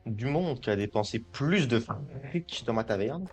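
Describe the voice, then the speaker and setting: With soft music playing behind him, a young gaming creator offers casual commentary on a management game, wandering off on jokes and repeatedly fumbling his words before starting over. His mid-range voice is expressive and his pace measured.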